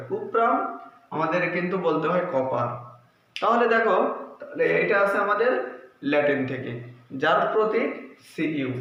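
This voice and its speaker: A male teacher works through a lesson step by step, asking questions and answering them himself. His voice sits high and sounds bright and forceful. The recording is very echoey, a little dull, with faint noise underneath. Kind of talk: classroom lesson.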